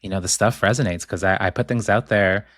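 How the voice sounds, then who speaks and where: A man from Ecuador, raised in Boston, speaking as an author guest in a calm, thoughtful way with frequent ums. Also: lowish voice, a little fast, dry recording, clean studio sound. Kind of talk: reflective interview talk.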